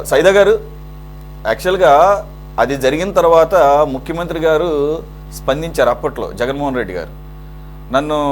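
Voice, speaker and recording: A man's voice: a little high, a little hiss or hum. A male news anchor recapping events and then putting questions to the panelists. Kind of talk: moderating a televised debate.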